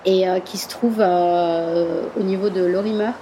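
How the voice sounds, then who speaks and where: A woman from Marseille who runs a tour company, chatting in a casual interview, animated, with frequent laughs and hesitant fillers. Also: on the low side, a little slow, slight background noise. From Marseille, France. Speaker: guest, tour company owner.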